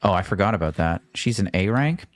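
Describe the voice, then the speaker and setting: A man's voice: low voice, lively intonation, a little fast. A man streaming a video game, giving casual, joking commentary and swearing freely. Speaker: gaming livestreamer. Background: faint game music.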